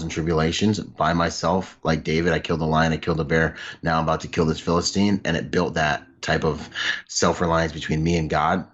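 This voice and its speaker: Deep-voiced man, rambling storyteller. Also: a bit bright, lo-fi sound. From United States. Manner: rambling, heavy on filler words, laughs easily. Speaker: podcast guest. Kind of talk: candid personal storytelling.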